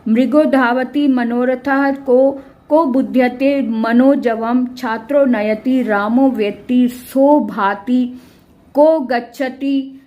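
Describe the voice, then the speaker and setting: A woman's voice: high voice, steady tone, muffled recording. A woman teaching a grammar lesson to students, explaining patiently and checking they follow. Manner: patient, explanatory, checks understanding with tag questions; reads examples out slowly and clearly. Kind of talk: classroom-style grammar lesson.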